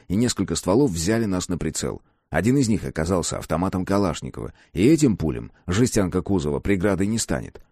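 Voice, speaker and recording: Male audiobook narrator, low voice, very animated pitch, dry close sound. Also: no room sound. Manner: expressive, lively reading. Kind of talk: first-person audiobook narration.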